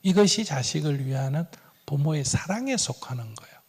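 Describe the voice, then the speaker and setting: Gravelly man. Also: a little high, moderate pace. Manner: lively, acts out dialogue, chuckles. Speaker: Buddhist teacher answering questions. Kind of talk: sermon-like Q&A advice. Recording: long hall reverb.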